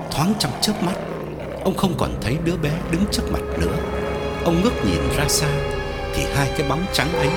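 A man narrating a scripted horror story in a dramatic, drawn-out manner. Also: fairly high pitch. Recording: loud background music.

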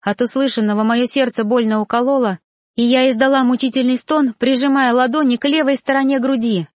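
A woman narrating a first-person novel aloud with an expressive, emotional delivery. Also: high voice, brisk, no echo, clean studio sound. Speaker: audiobook narrator.

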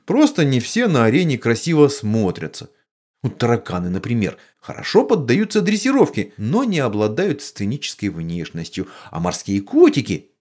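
A calm, wry circus director explaining things matter-of-factly in a storybook, as a male narrator voices him. His lines rise and fall in lively waves. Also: mid-range voice, moderate pace.

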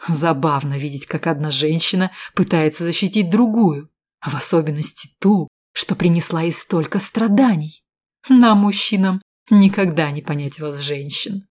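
A cruel male villain sneers and hisses his threats in a storybook reading. A woman plays him, keeping her voice low. He sounds cold and scornful. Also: moderate pace, a little mellow. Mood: sneering. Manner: sneering, hissing. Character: cruel mocking man, menacing villain.

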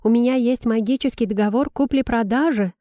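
A woman's voice: fairly high pitch, a little fast, mellow, no echo, studio quality, voice pushed up, close to an everyday voice. A woman doing Namiya, an agitated young homeowner. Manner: agitated, firm. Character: young woman, upset house owner, firm.

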